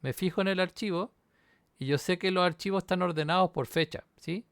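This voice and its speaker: Man, coding tutorial, gravelly, smooth close dry mic, keyboard typing. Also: sits high, fairly quick, fairly bright tone, dry recording. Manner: explains step by step, checks in with "¿sí?". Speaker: university instructor. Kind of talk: screen-recorded coding walkthrough.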